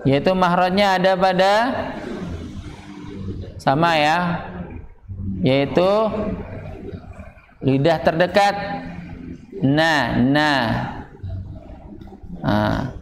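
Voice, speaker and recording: A man's voice: fairly high pitch, extremely slow, pauses often, a little hiss or hum. A man teaching Quranic recitation in a small prayer room, patiently drilling syllables and having students repeat after him. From Indonesia. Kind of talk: tajwid lesson with call-and-repeat drills. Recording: echoey room with long reverb.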